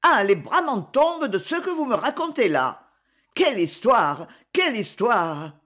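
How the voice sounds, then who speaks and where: A woman playing a shrill, spiteful matron. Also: very animated, a little slow, fairly bright tone, full character voice. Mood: indignant. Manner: shrill exclamations, indignant. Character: spiteful, excitable middle-aged woman.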